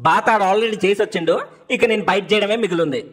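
A man's voice: high voice, fairly even intonation, quick pace. A young man acting in a comedy sketch, switching between Telugu and Hindi and sounding exasperated and pushy. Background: background music.

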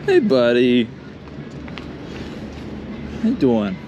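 A man's voice: mid-range voice, very slow, highs cut off. Chatty man in a noisy echoey space. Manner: relaxed, chatty, laughs often. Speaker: fishing channel host. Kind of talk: casual vlog chat. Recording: echoey with loud background noise.

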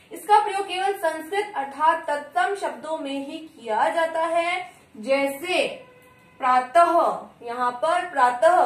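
A woman teaching a grammar lesson to students, asking questions and answering them herself and drawing out example words slowly. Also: high voice. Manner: stretches out example words to show how they are said. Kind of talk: classroom-style video lesson. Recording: echoey room, voice a bit distant from the mic.

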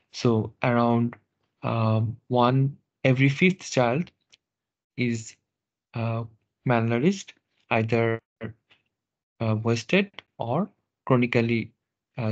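A man giving a webinar presentation as a nutrition officer, speaking in a measured way with frequent hesitations and fillers over a video call. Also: medium pitch. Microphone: video call microphone. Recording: slightly dull video call audio.

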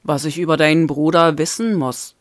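A woman's voice: low-pitched, steady tone, moderate pace, no room sound, studio quality, natural voice. A woman reading a curt, threatening man. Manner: curt, menacing. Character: protective, threatening young man.

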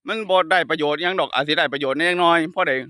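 Isan monk guy joking around on a hill walk, high bright voice, dry sound. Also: racing, no echo. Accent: Northeastern Thai (Isan). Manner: playful, laughs often, teasing storytelling. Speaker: Buddhist monk. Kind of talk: casual joking chat. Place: outdoors on a hill path to his hut.

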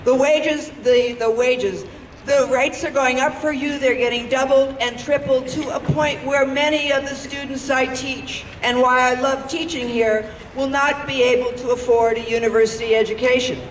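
A woman's voice: high-pitched, fairly even intonation, normal speed, reverberant. A middle-aged woman, a faculty member, gives an impassioned protest speech at an outdoor campus rally, speaking into a handheld mic. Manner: impassioned, rousing oratory. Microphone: handheld mic through a PA speaker. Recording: distant PA sound outdoors with noise.

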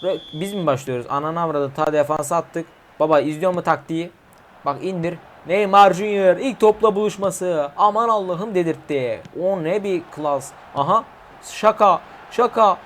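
Excitable young man calling his game. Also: high-pitched, normal speed, slight background noise. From Turkey. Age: 20s. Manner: excitable, yelling player names at goals, swearing at the game. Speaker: gaming YouTuber. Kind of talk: live mobile football game commentary.

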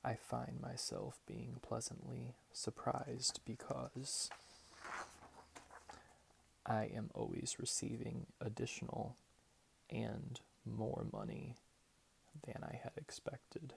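A man in his twenties gives a soft, whispered ASMR pep talk in a hushed, deliberate manner with long pauses. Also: mid-range voice, fairly even intonation, gravelly, a little hiss or hum. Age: 20s. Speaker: ASMR creator reading positive affirmations. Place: small bedroom at home, indoors.

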